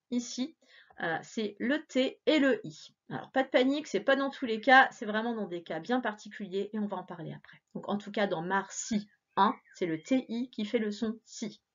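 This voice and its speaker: A woman's voice: a little high, fairly bright tone. A woman teacher giving a remote reading lesson to young children, sounding out words syllable by syllable in a patient, encouraging way. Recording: dull lo-fi recording.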